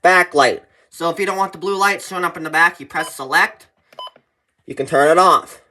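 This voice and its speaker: His voice sits on the high side and has a sharp tone, delivered at normal speed with faint background noise. As a tutorial presenter, he explains informal step-by-step instructions plainly and repetitively.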